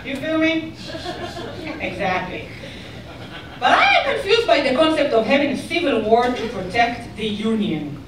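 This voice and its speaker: Deadpan Israeli woman comic, echoey club. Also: fairly high pitch, normal speed, long pauses, crowd noise. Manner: deadpan, ironic, bursts into loud mock outrage. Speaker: stand-up comedian. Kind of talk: stand-up comedy set. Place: comedy club stage. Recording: echoey club, mic far away, audience noise. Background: audience laughter.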